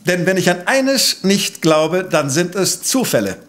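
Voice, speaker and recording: An exacting professor and amateur sleuth in an audio drama. His voice is high for a man. He speaks with analytical precision and pompous self-assurance. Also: big pitch swings, measured pace, fairly bright tone, heavily acted. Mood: analytical, assured. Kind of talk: German audio drama acting.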